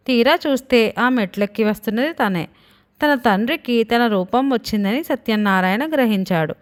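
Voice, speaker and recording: Lady storyteller reading a kids' moral tale, kinda high voice, even and expressive. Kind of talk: scripted storybook narration.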